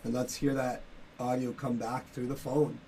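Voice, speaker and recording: A middle-aged man casually demos a coding tool, explaining each step as he goes. His voice has a gravelly, creaky texture. The speech sits at an ordinary pitch for a man, with light background noise. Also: normal speed. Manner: relaxed, explains step by step with fillers. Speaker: software developer demoing his tool. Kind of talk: casual tech demo walkthrough.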